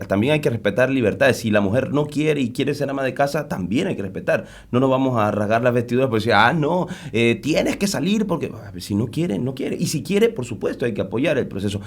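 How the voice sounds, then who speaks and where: Measured man hosting a talk show. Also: on the low side, darkish tone. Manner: measured, hesitant with many fillers. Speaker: radio show host. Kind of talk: radio talk show discussion.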